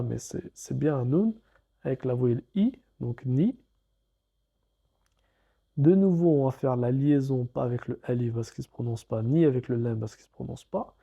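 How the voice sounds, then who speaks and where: A man's voice: mid-range voice, vocal fry, dark tone, lo-fi sound. A man teaching how to read letters, patiently spelling out each letter and vowel in a step-by-step lesson. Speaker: Arabic reading teacher. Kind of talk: slow step-by-step reading lesson.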